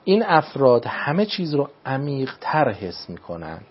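Husky-voiced man giving measured advice. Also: medium pitch, big pitch swings, lo-fi sound. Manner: formal, measured, repeats phrases like "if I may say". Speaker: religious speaker giving advice. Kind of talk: radio talk show guest.

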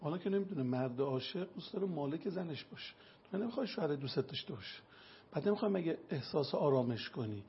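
A man's voice: a little high, creaky, muffled recording, slight background noise. A man giving a religious talk, telling anecdotes and acting out the people in them. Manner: acts out quoted people with lively voice changes. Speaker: religious speaker.

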